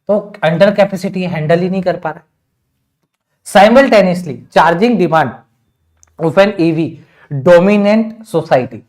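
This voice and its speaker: A man with an Indian accent teaching an online exam-prep lesson. He reads English passages slowly, explains each word in Hindi, and teases his students with rhetorical questions. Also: high-pitched, a little mellow. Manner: chatty and teasing, with many rhetorical questions.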